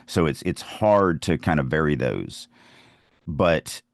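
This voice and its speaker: A writer co-hosting a writing podcast speaks in a very deep, creaky voice, slow but animated, in a clean studio with no echo. In this casual conversation he's emphatic, repeating phrases to drive his point home.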